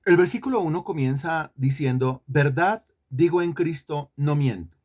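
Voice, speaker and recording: A man's voice: a little high, moderate pace. A man teaching an online Bible lesson, often repeating himself and putting questions to the students. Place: online class.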